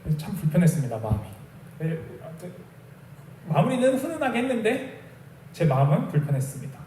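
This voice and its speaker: A young man preaches in a small church, drifting into storytelling and playing out little bits of dialogue. His voice sits a touch high with a warm, mellow tone. He sounds set back from the mic, with the room ringing around him and a faint hiss underneath. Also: very animated, brisk, echoey room, recorded from a distance. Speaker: pastor. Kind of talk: sermon.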